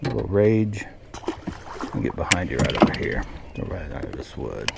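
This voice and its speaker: A man's voice: low-pitched, very animated, normal speed, creaky. A man chatting casually and folksily while fishing outdoors from a boat. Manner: folksy, colloquial. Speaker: angler hosting a fishing vlog. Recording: noisy outdoor recording.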